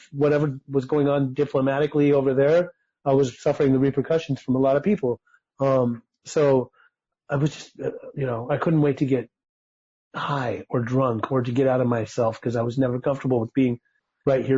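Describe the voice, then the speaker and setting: Earnest guy telling his story, mellow voice, kinda dull sound. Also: medium pitch, husky. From United States (Utah). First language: Persian. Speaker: podcast guest. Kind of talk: personal life story.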